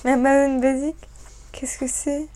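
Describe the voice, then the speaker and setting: A woman's voice: high-pitched, level tone, warm tone. Tipsy, chatty woman. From France. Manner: chatty, laughing, speaks fast. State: tipsy from wine. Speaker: livestream co-host. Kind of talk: casual livestream chat.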